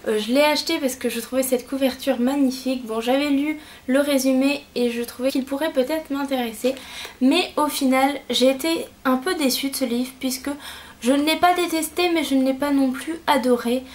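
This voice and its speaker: High-voiced young woman reviewing a book. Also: slight background noise. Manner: hesitant, frequent filler pauses. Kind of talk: casual book review vlog.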